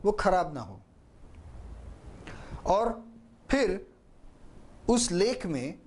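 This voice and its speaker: A man gives a spoken lesson as a public speaking trainer. His fairly high voice moves through a wide, animated range, and he talks at an unhurried, measured pace while he demonstrates word stress. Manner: slow, deliberate, demonstrates stress on words. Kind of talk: spoken lesson on speech emphasis.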